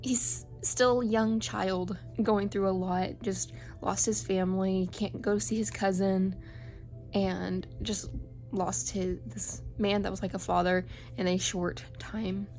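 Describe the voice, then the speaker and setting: A woman's voice: medium pitch, little pitch movement, takes it slowly, a little mellow, soft background music. A woman giving a casual, chatty solo book review as a reading vlogger.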